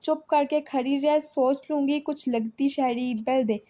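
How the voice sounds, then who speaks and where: A woman voicing a stubborn, sharp-tongued young woman with quick retorts. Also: high-pitched, steady tone, natural voice.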